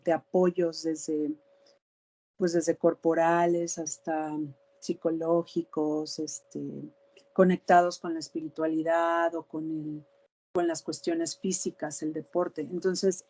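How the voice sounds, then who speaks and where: A woman with a Mexican accent guides a workshop in a candid, conversational way, drawing on her own experience. Her voice sits fairly low and sounds soft and mellow, never sharp. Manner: candid, conversational, self-disclosing. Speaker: workshop facilitator. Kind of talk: reflective workshop talk.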